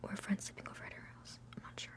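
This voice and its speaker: A young woman, an ASMR streamer, chatting and answering questions in a whisper, giggly and self-mocking. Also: racing. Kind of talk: whispered live Q&A ramble.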